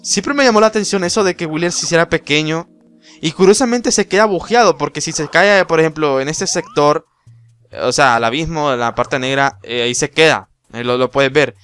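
A man giving casual, rambling gameplay commentary as a let's play host, with quick exclamations. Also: fairly high pitch, fairly bright tone, clear, resonant tone, faint music behind.

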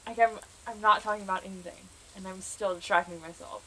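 A woman's voice: mid-range voice, steady tone, a little fast, a bit bright, slight background noise, poor audio. A woman streamer chatting to herself while she plays a game, playful and self-mocking. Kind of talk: casual gameplay commentary.

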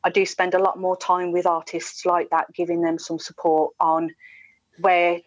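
She's a woman in her forties with a British accent, a radio presenter talking frankly in an interview held over a video call at home, heard through a wired earphone headset. Her lowish voice barely changes pitch and keeps a moderate pace, yet she stays chatty and emphatic, mimicking others in asides. Sound is dry and lo-fi.

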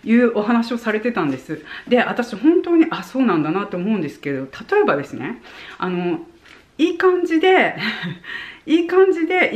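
A lively, chatty Japanese woman in her forties vlogs casual advice to camera, speaking in a medium pitch. She uses many soft fillers and friendly asides. She's animated, using her tone of voice to demonstrate points.

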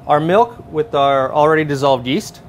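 A man's voice: fairly high pitch, moderate pace, slight background noise. A man in his thirties, a chef demonstrating recipes step by step in a large professional kitchen, on a lapel mic. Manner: steady step-by-step instruction. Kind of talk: cooking demonstration.

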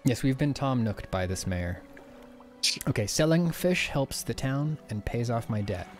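A man casually commentating a video game, relaxed and swearing now and then while reading the game text aloud. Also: medium pitch, unhurried, faint music behind. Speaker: let's play host.

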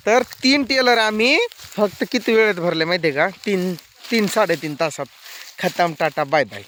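A man's voice: sits high, moderate pace. A man vlogging, chatting and teasing as he rides outdoors on a farm vehicle. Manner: teasing, bantering. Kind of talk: casual vlog chat and teasing. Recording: loud outdoor vehicle noise.

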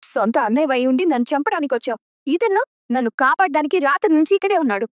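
An actress playing a stubborn young woman who stands up to her family, with sharp, defiant retorts in a TV serial. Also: high-pitched, expressive, fast talker, dry recording. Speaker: daughter defying her family. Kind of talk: TV serial acting. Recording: dull lo-fi dry sound.

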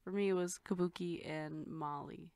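A woman hosting a reaction video, talking casually and excitedly and swearing freely. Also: lowish voice, moderate pace, clean tone, no echo. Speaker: host.

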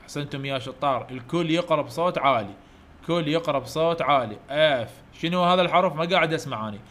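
A man with an Iraqi Arabic accent, teaching English letters to children online, coaxing loud repetition and heaping praise. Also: a little high, fast. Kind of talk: online letter-drill lesson.

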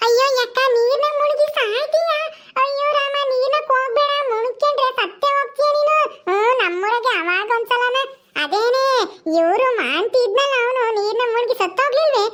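A simple, childlike village woman, as a woman puts her on, with a very high, thin voice. She talks slowly and soothingly and repeats herself as she comforts someone. This is a homespun village comedy skit. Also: fairly bright tone. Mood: soothing, pleading.

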